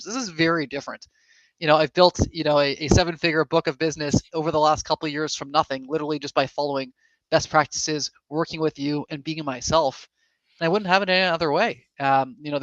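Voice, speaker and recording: A man's voice: fairly high pitch, a bit bright, no room sound. An upbeat man with a slightly raised voice hosts an online event over a video call. He talks casually and with enthusiasm to his audience. The sound is dry and a little dull. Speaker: co-host of an online summit, lawyer.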